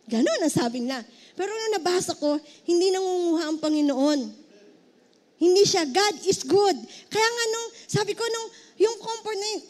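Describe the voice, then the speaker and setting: A woman's voice: very high-pitched, a little mellow. A middle-aged woman pastor with a Filipino accent preaching a heartfelt sermon, now and then breaking into song.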